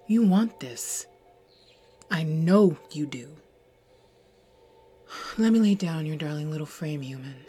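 A woman's voice: low-pitched, slightly rough, exaggerated voice. A woman playing a possessive, seductive female alien in an audio roleplay, teasing and commanding in a whispery voice. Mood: possessive, insistent.

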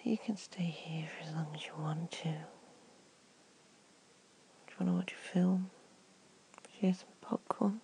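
A woman performs an ASMR comfort roleplay, mostly in a hushed, gentle whisper. She takes her time, letting the words come slowly, and her voice sits warm and mellow. A faint room hiss runs beneath her. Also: on the low side, creaky.

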